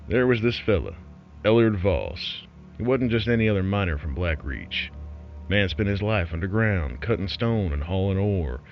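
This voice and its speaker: Soft music runs under a man's low, animated voice, delivered at a moderate pace with the high frequencies cut off. He plays a wry, folksy underground broadcaster relating a scripted horror tale in a sardonic, conspiratorial manner.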